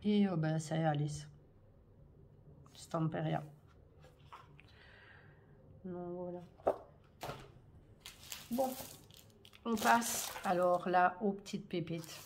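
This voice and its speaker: A woman's voice: fairly low pitch, very slow, long pauses, noisy background. A woman chatting hesitantly in a craft haul vlog, full of fillers and gushing over cute items. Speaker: scrapbooking haul vlogger. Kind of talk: casual show-and-tell chat.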